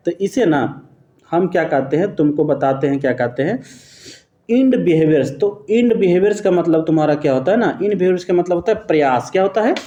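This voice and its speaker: A man teaching exam-prep material, explaining each answer choice patiently and tossing rhetorical questions at his students. His voice sits slightly high but sounds dark and mellow. The room around him is echoey. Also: animated, a little fast, dull audio. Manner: corrects himself mid-sentence; addresses students fondly as "babu".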